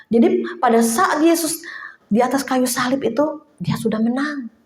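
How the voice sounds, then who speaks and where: A woman's voice: high-pitched, a little mellow. Chatty woman preaching in an echoey room. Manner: conversational, addresses listeners as brothers and sisters, many fillers. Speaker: preacher at a prayer fellowship. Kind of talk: sermon. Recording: roomy echo.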